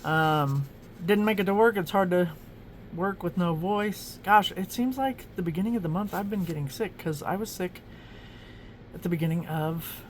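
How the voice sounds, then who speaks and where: A journaling vlogger from Oklahoma, with a voice on the low side, chats casually as she flips through her journal. She rambles with lots of ums and restarts, and there is slight background noise.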